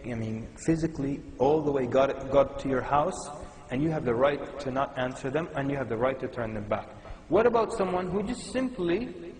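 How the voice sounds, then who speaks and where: A man's voice: fairly high pitch, a little mellow. A man from Sudan giving a conversational, humorous Islamic lecture to a live audience. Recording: echoey hall with long reverb.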